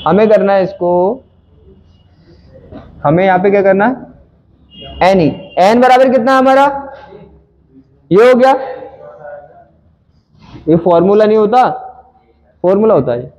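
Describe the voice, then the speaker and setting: A man's voice: sits high, expressive, measured pace, pauses often, a little mellow, poor audio. A male physics teacher working through a numerical problem in a conversational way, asking students questions and answering them himself.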